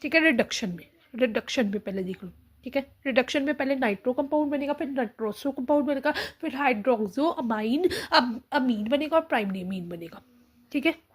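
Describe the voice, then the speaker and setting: A woman tutor giving a casual online chemistry lesson, reading lines slowly and repeating each step. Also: high voice. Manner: reads textbook lines slowly, repeats steps, many fillers.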